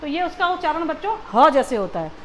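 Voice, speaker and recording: A woman's voice: high-pitched, big pitch swings, a little fast, slight background noise. A woman teacher giving a Hindi lesson to young children, patiently asking and repeating questions. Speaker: school teacher.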